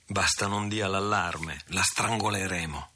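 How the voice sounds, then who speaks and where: A man's voice: sits low, measured pace, pushed and bright, slight background noise. A man voicing a cool, wry pirate. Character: cool-headed male pirate, wry and loyal.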